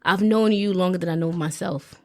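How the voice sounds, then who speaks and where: A woman in her forties co-hosting a podcast, affirming and chatting casually. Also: lowish voice. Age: 40s. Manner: affirming listener, quick agreeing interjections. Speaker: podcast co-host. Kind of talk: casual chat.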